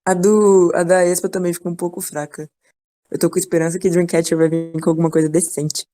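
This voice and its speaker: Woman, slightly low, enthusiastic chatterbox, video-call audio. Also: level tone, fairly quick, mellow, soft background music. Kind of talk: casual chat in an online class.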